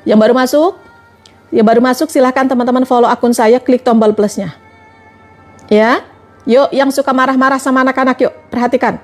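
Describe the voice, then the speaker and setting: High-voiced woman preaching with rhetorical questions. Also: steady tone, a little fast, long pauses, soft background music. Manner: fires repeated rhetorical questions at listeners; addresses viewers directly, coaxing. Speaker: motivational trainer. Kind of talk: live-streamed religious advice.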